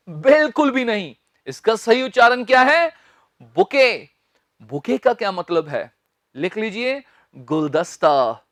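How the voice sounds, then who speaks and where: A man teaches English pronunciation in Hindi, spelling words out and asking students to repeat them. His delivery is slow and deliberate, with a lot of rise and fall in pitch. The recording is dry, with little room sound. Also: no room sound. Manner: lively, repeats words slowly and quizzes students. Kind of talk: spoken English lesson.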